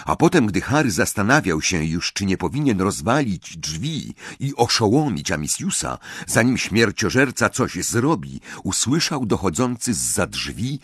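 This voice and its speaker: A man narrating an audiobook in a measured, dramatic storytelling manner. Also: on the low side, sing-song, a bit bright, breathy edge, no echo, studio quality.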